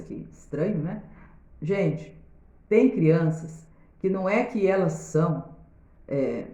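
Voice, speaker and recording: A woman's voice: lowish voice, warm tone. A woman with a Brazilian Portuguese accent, a pedagogue giving parenting tips in a casual video, talking straight to viewers and often checking in with them. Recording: roomy, slightly dull sound.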